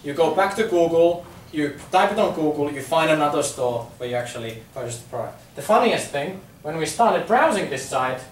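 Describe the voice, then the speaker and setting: Slightly high-pitched and lively in intonation, a presenter from Finland in his thirties talks at normal speed with few pauses, giving a casual business presentation in a conference room in his Finnish accent. He's chatty, repeating words and saying um plenty. An echoey, far-off camera recording without a mic carries a faint hum.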